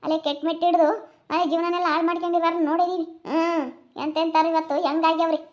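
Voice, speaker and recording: Brief: sharp-tongued village mother, played by a woman, very high pitch, rapid rural Chitradurga Kannada, muffled recording. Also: little pitch movement. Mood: scolding. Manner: scolding, rapid and shrill.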